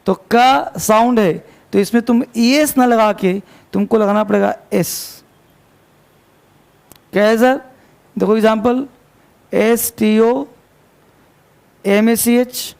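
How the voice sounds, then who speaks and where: A man's voice: sits high, takes it slowly, creaky, long pauses, a little mellow, clear, resonant tone. A male English teacher with a Hindi-speaking North Indian accent, giving a classroom grammar lesson, spelling words out letter by letter and asking students questions he answers himself.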